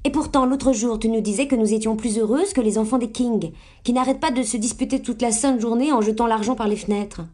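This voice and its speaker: A woman's voice: fairly high pitch, steady tone, a little fast, a little mellow, pitched above the performer's own voice, lightly acted. A woman reader voicing a proud sixteen-year-old eldest sister who talks in a lecturing, superior way.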